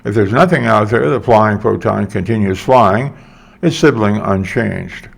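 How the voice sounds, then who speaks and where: A man's voice: lowish voice, a little slow, creaky, husky, heavily acted. An older man voicing an irritated male government engineer explaining things.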